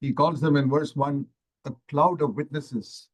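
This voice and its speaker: A man in his eighties from India, preaching slowly and pausing so an interpreter can translate. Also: a little high, steady tone, rough recording. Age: 80s. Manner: slow, measured, pausing for translation. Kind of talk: sermon with interpreter.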